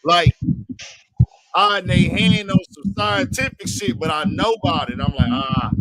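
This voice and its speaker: A man's voice: sits high, expressive, normal speed, a loud crowd, rough recording. A man hosting a streamed talk show, speaking bluntly in profane slang and repeating his points. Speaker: show host. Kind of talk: casual streamed commentary.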